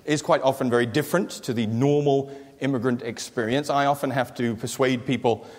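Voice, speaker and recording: A man's voice: mid-range voice, fairly even intonation, a little fast, darkish tone, big-room sound. A British man from Great Britain doing a stand-up comedy set with dry, self-deprecating asides on a large theatre stage.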